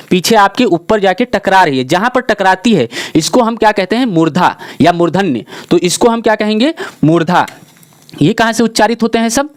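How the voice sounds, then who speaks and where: Brief: male tutor from India, high-pitched, explains exam material, pauses on each letter, asks and answers himself. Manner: asks the class questions and answers them himself; spells out letters slowly one by one. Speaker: teacher. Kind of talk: exam-prep lesson explaining a map.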